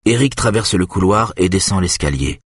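Low husky guy reading a thriller out loud, very lively delivery, dry sound. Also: moderate pace, no echo. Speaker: audiobook reader. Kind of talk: scripted narration of a thriller novel.

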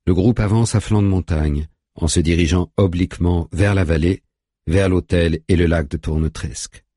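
A man narrating an audiobook in a steady, measured way. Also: low-pitched, breathy edge, no echo, clean studio sound.

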